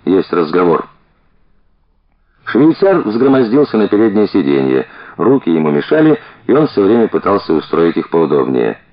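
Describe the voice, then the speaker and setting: Low, lively male audiobook narrator. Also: brisk, lo-fi sound.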